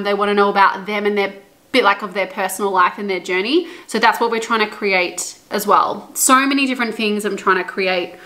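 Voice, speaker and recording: Casual woman vlogger, twenties, chatty and rambling, mid-pitched, roomy home sound. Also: pushed and bright, slight background noise. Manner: chatty, rambling with many fillers. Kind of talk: casual vlog chat to camera. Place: home kitchen and bedroom, indoors. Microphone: camera mic, close to mid distance.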